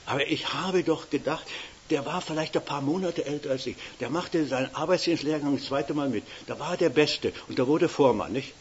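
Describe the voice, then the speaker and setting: A man's voice: on the high side, normal speed, lo-fi sound, slight background noise. An elderly man preaching a sermon in a folksy way, often checking with his listeners. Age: older. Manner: folksy, keeps tagging "nicht?".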